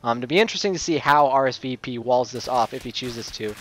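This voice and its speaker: A man's voice: mid-range voice, quick pace, slight background noise. A man casting a video game match, talking casually with frequent fillers. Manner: casual, chatty, uses many fillers. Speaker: esports caster. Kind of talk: play-by-play game commentary.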